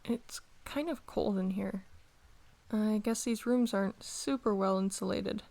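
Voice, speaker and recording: A prickly, bossy young woman played by an actress in an ASMR role-play audio drama. Her voice sits at a middling pitch with plenty of vocal fry. She talks conversationally and grumbles, grudgingly caring beneath the bossiness. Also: a little slow, dark tone. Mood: reluctant, grumbling.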